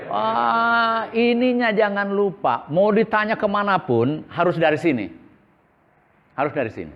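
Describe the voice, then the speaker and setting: Here a man with a high-set voice teaches at an Islamic boarding school, firing off questions to the class and supplying the answers himself, over and over. The audio has its highs cut off.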